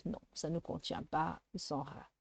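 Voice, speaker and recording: A woman's voice: low-pitched, steady tone, moderate pace, vocal fry, a little mellow, husky, no room sound. A woman teaching a first-grade phonics lesson, patiently sounding out syllables and letter sounds for a child.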